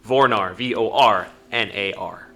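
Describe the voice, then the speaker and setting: A man's voice: fairly low pitch, a little slow, vocal fry, pushed and bright. A man narrating a tabletop game casually as game master, improvising as he goes. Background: background music.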